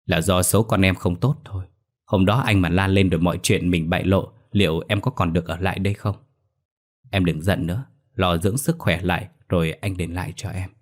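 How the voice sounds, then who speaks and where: A man voicing a sly young male servant who speaks softly and coaxingly in a ghost story reading. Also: sits low, steady tone, fairly quick. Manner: soft, coaxing.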